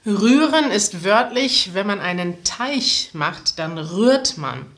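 A woman's voice: mid-range voice, expressive, slow, fairly bright tone. A woman, explaining jokes step by step to language learners. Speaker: language teacher and presenter. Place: small room indoors, seated at a table.

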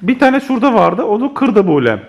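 A man with a Turkish accent filming a family vlog at home with his child, talking in an animated, exclaiming way. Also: sits high, brisk, noisy background. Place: home living room.

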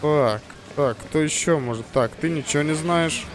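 A man's voice: on the high side, moderate pace. A man casually commenting on his game playthrough, muttering to himself and swearing as he plays. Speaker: let's play commentator. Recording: game music over the voice.

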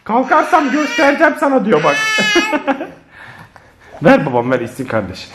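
A man's voice: very high voice, moderate pace. A man filming a casual family vlog, talking playfully to his kids and the viewers. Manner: lively, playful, often laughing while talking to children and viewers. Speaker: family vlogger. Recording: noisy home video recording.

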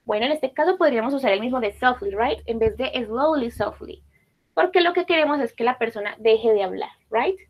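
A woman's voice: a little high, expressive, brisk, few pauses, low-quality recording. A woman teacher leading a class, patiently repeating and praising student answers.

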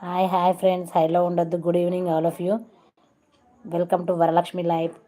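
A woman from Telangana, India, hosts a casual live stream in a Telangana Telugu accent, greeting viewers by name and slipping in English phrases. Her voice is low and warm, completely flat in delivery, at a normal speed.

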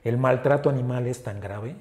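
Earnest Mexican man, mellow and roomy. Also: mid-range voice, moderate pace. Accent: Mexican Spanish. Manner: earnest, with frequent filler words. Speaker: animal rescue group founder. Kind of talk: casual interview talk. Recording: roomy echo with faint ambience.

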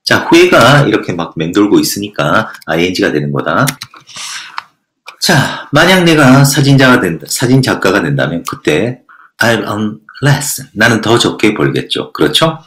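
A man teaching a textbook lesson, reading English lines slowly and then explaining them at length, often asking questions and answering them himself. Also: on the low side, big pitch swings, fairly bright tone, reverberant. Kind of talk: lecture reading and translating a textbook passage.

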